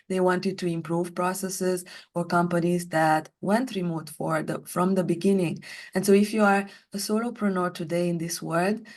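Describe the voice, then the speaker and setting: A woman with a hoarse, worn voice that sits low in her range, speaking as a guest on an interview podcast. She takes her time, placing each phrase slowly and deliberately. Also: a little mellow. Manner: deliberate, slow careful delivery. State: hoarse, voice partly lost. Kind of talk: conversational interview.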